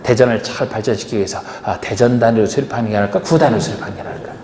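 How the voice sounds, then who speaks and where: A man's voice: on the low side, racing, darkish tone. A man teaching a class, lecturing in a coaxing way and asking his students question after question. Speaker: real estate agent exam instructor. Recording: echoey lecture hall with faint noise.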